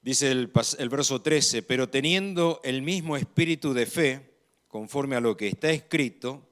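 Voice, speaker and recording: A man with an Argentine accent and a medium-pitched voice preaches a sermon. His delivery is measured and emphatic, and he gets louder on the key phrases.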